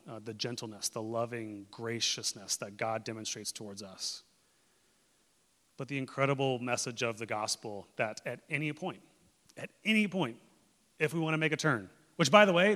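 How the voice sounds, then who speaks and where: A man preaching a sermon as pastor, conversational and earnest, swinging between loud emphasis and hushed pleas. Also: mid-range voice, big-room sound.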